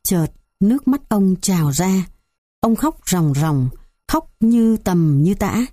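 A woman narrating a folk tale in a measured, dramatic storytelling manner. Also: medium pitch, lively intonation, dark tone, dry recording, studio quality.

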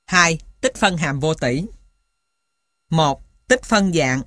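A woman reading scripted material as dictation, piece by piece, in a measured, matter-of-fact way, like an instructor. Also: sits low, animated, fairly bright tone, dry recording, clean studio sound. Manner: dictating symbols and punctuation one piece at a time. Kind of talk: scripted dictation of maths formulas.

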